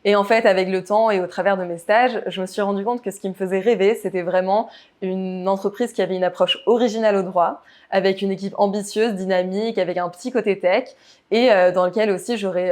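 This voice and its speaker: A woman's voice: medium pitch, steady tone, fairly quick, darkish tone. Woman, 20s, from the US, in-house lawyer; earnest, explanatory delivery for a company profile. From United States.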